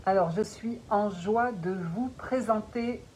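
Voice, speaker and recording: Calm middle-aged woman on a phone live. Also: medium pitch, poor audio. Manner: calm, measured, with frequent pauses and fillers. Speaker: naturopath and life coach. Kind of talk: live talk to parents. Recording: faint hiss on a phone recording.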